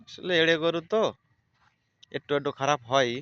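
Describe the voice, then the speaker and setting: A man's voice: a little high, moderate pace, a bit bright, clear, resonant tone, dry recording. Male vlogger, chatty and repetitive, on lo-fi phone audio. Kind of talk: casual vlog narration. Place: outdoors with a cow.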